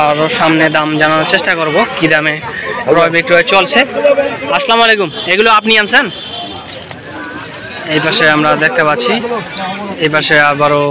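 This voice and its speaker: Male market reporter amid loud crowd. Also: fairly high pitch. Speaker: video reporter. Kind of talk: on-location market report with short vendor questions. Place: outdoor wholesale fruit market. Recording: loud crowd and street noise behind.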